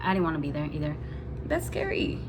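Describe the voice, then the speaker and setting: A woman's voice: low-pitched, fairly quick. A young woman telling a story to her camera, rambling and spooked, with "like" in almost every sentence. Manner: rambling, nervous, heavy use of "like" as filler. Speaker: vlogger. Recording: home video with steady outside noise. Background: building-washing noise outside.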